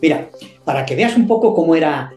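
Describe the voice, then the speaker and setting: A man's voice: on the high side, brisk, roomy sound, faint music behind. An older man from Spain, a sports journalist guest, telling anecdotes with energy and acting out the people he quotes. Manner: lively storyteller who acts out voices in quotes.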